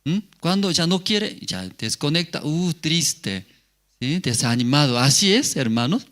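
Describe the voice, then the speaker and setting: A man's voice: fairly high pitch, sing-song, moderate pace, fairly bright tone. A male pastor giving a sermon, asking the congregation rhetorical questions and repeating key words.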